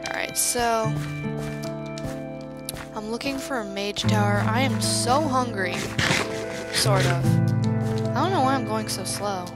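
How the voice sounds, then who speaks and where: A woman with a slightly congested, stuffy-nosed voice hosts a gaming channel, offering chatty, playful let's-play commentary. Her pitch is on the high side, and she speaks slowly with frequent pauses. Loud music plays behind her.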